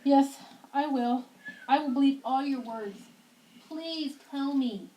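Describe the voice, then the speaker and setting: Woman as a goofy high-pitched puppet king. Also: takes it slowly, mellow, muffled recording. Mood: awed, pleading. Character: gullible, awestruck, nervous king sock puppet. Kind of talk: amateur puppet show acting. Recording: distant mic with faint noise.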